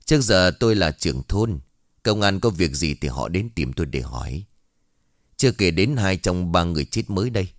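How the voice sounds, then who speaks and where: Weary old village chief, scared but dutiful, low hushed delivery, read by the narrator, ghost-story audio. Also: male voice, no room sound, clean studio sound. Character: older village head, frightened but dutiful.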